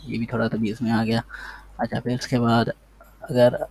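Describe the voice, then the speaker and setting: Male coding tutor, medium pitch, monotone delivery, casual think-aloud style. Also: normal speed, creaky. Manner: thinks aloud while typing, repeats words, talks to the code. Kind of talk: casual screen-share coding lesson.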